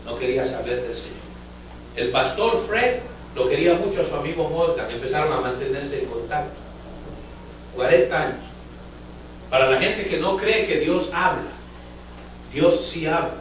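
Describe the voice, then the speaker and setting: A man with a fairly high voice delivers a fervent sermon, stretching out key phrases and speaking straight to the congregation. The sound comes from well back in the room and rings with heavy church echo. A faint hiss sits under it all. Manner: fervent, drawn-out emphatic phrases, addresses the congregation directly. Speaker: preacher. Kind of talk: sermon storytelling. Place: church sanctuary. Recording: echoey church hall from far off.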